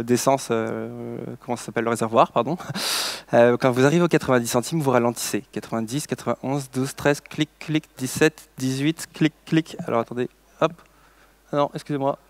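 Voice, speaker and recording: A man's voice: mid-range voice, clean tone, no room sound. A man in his thirties from France telling a story in a conference talk, with many hesitations and restarts and playful asides to the audience. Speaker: social entrepreneur giving a conference talk.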